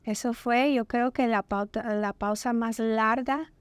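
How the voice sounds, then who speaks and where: Clear-voiced woman telling a vivid testimony. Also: fairly high pitch, fairly even intonation, measured pace, dry recording. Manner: vivid, acts out quoted dialogue. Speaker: guest telling her testimony. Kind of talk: personal testimony storytelling. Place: podcast studio.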